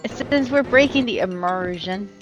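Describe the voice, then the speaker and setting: Giggly tipsy woman, slow twang. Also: medium pitch, highs cut off, over music. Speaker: roleplay player. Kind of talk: out-of-character chat.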